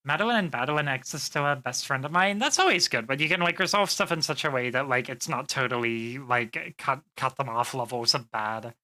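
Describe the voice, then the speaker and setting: Woman streamer just chattin with chat, super bright voice, rambly, lots of cursing and uhs and likes. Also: rumbling low, brisk, few pauses. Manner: rambling, swears freely, frequent fillers. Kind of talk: casual live-stream chat.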